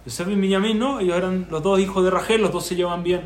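A man's voice: sits high, fast talker. A man teaching Torah in conversation, telling stories and asking rhetorical questions. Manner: animated storyteller, asks rhetorical questions. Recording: echoey room with faint background noise.

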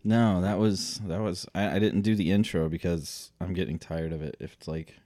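A man's voice: sits low, fairly even intonation, normal speed, warm tone, no room sound. A man co-hosting a casual podcast chat, laughing often and restarting his sentences. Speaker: podcast co-host.

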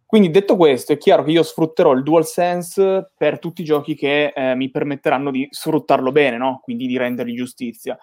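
A man's voice: on the high side, fairly even intonation, normal speed, hardly any pauses, darkish tone, no echo. A man giving his opinions casually in a gaming talk, in a rambling way with frequent checking tags, speaking into a close microphone. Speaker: panelist on a video game talk show.

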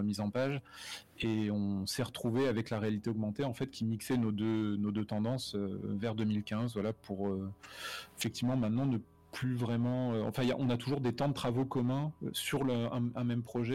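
A man's voice: mid-range voice, steady tone, a little fast, mellow. A man talking casually as a guest about his career, hesitant with many fillers and restarts. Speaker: guest, animation director. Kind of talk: casual conversational interview.

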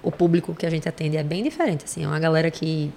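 A woman school psychologist, a podcast guest, explaining her points quickly with frequent tag questions. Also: deep voice, vocal fry, dark tone. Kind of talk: casual conversational podcast.

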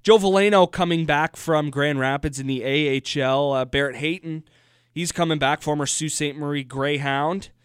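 A man co-hosting a casual hockey talk show in a fairly high, clear voice. The sound is dry and close, and he gets animated and worked up when he makes his case. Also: normal speed, dry recording. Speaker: podcast co-host.

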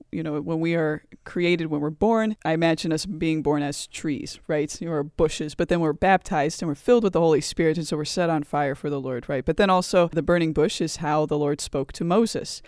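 A woman's voice: low voice, a little mellow, no room sound, studio quality. A woman hosting a casual conversation, informal and reflective, often checking for agreement. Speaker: podcast host.

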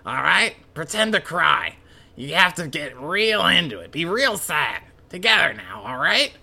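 A man voicing a crude, snotty, gloating male henchman in a casual manga read-along, with a gravelly, coughing, mocking drawl. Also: on the high side, big pitch swings, a little slow, a crowd in the background, pitched above the performer's own voice, full character voice. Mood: needling. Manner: needling, mocking, folksy drawl.

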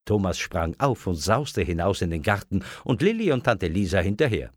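A man reading a children's story aloud in a gentle, expressive way. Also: deep voice, normal speed, no room sound, studio quality.

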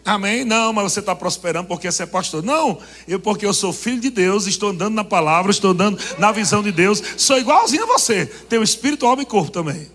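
A man's voice: high-pitched, lively intonation, fast talker, few pauses, fairly bright tone. A man preaching a sermon, joking and laughing with the congregation. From Brazil. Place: church hall. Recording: long reverb of a church hall.

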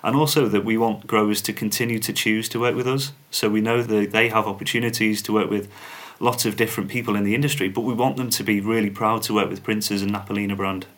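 A man speaking as a company spokesman on a podcast, giving measured, businesslike interview answers. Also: fairly low pitch, steady tone, a bit bright. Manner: measured, corporate, uses fillers.

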